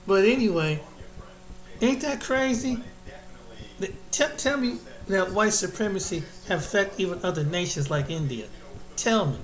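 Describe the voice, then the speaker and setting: A man's voice: sits high, a bit bright, low-quality recording. A man hosting his own channel, reacting to video clips in rambling, casual commentary, repeating words and asking his listeners questions.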